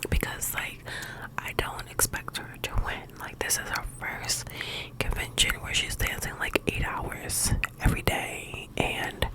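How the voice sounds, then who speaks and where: A woman speaking in a hushed, breathy whisper, quiet as if late at night, rambling casually in halting phrases like a personal ASMR chat. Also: low-quality recording. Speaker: ASMR video host.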